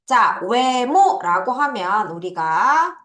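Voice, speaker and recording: A woman teaching English words to children, drilling them slowly and laughing now and then. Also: a little high, sing-song, a bit bright. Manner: slow, drawn-out drilling of words. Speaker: English tutor. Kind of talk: online vocabulary lesson for children. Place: classroom. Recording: echoey room.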